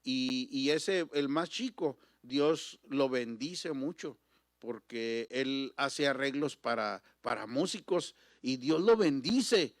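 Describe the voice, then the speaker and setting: A middle-aged man from Mexico, preaching with emotional storytelling that swings from loud exclamations to near-whispers. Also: mid-range voice, animated, slow, no echo, clean studio sound. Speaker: pastor.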